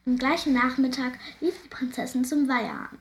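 A woman reading a fairy tale aloud, gentle and often hushed. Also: high-pitched, steady tone, normal speed. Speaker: storyteller.

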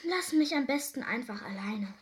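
A woman's voice: a little high, lively intonation, moderate pace, a little hiss or hum, lightly acted. A woman voicing a sad, whiny male whale in a children's story. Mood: moping. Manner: whiny, moping.

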